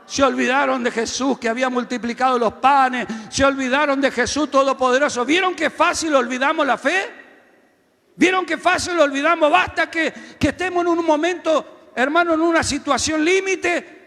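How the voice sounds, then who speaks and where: A pastor preaches in a very high, bright voice that carries through a long-reverberating hall. He tells his story, then rises into loud, shouted exhortations for his congregation to repeat. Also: fairly even intonation, moderate pace. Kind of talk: sermon.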